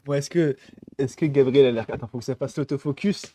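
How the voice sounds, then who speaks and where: A man's voice: medium pitch, dark tone, slight background noise. A man with a lisp and an occasional stammer, chatting casually as co-host on a live stream. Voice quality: lisp, slushy s sounds. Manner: stammers at times. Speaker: co-host of a combat sports stream.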